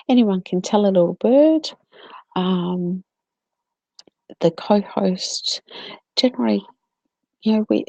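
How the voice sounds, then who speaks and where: A South Australian woman co-hosts a casual live-stream Q&A, chatting with viewers, answering them by name, and using plenty of ums. Her mid-range voice is creaky and warm. The recording is dry and the audio quality poor.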